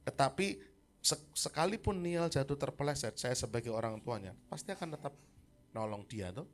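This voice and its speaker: A male pastor delivers his sermon in a loose, conversational way. He jokes with the congregation and calls out to listeners by name. His voice sits in an ordinary middle pitch. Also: animated, moderate pace. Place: church service in a hotel hall.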